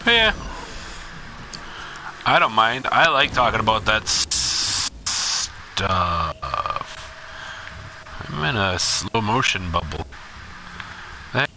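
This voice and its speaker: A man's voice: lowish voice, big pitch swings, very slow, pauses often, noisy background. A man chatting casually while streaming a game, swearing freely and munching as he talks into his microphone. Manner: chatty and profane, talking while eating. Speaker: gaming streamer. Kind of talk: casual live-stream commentary. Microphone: headset-style microphone.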